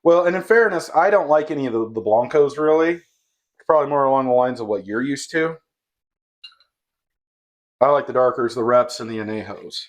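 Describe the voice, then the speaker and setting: A man's voice: mid-range voice, normal speed, pauses often. A man who is a bartender and podcast co-host, chatting in an easygoing, playful way while mixing drinks. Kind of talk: casual chat.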